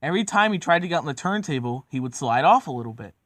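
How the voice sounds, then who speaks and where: A man's voice: a little high, expressive, fast, fairly bright tone, no echo. A man narrating a comedic story in a casual, profane, mock-serious way.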